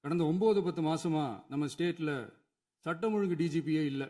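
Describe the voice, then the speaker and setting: A man's voice: fairly high pitch, normal speed, dark tone. Man giving an emphatic assembly speech. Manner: emphatic, builds points through repetition. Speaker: state chief minister. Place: legislative assembly hall.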